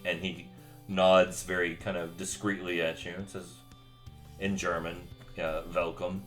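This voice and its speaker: A man with a very deep, bright-toned voice runs a tabletop game, taking his time over every description. His narration is relaxed and chuckly. Faint music sits behind him. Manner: slow, descriptive, chuckles often. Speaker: game master.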